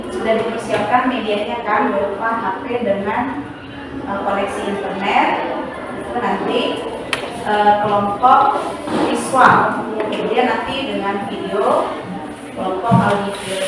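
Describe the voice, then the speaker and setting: Lady teacher in class, switches languages, lots of ums, noisy room. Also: on the high side. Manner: mixes two languages, many fillers and restarts. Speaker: English teacher. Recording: echoey classroom from far off, noisy.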